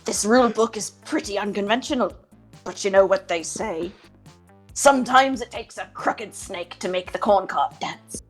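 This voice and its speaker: Brief: a woman as a hearty cartoonish tiger coach in a game, husky and folksy. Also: medium pitch, normal speed, faint music behind, lightly acted. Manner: folksy drawl with homespun sayings. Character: folksy middle-aged male tiger gym coach, hearty.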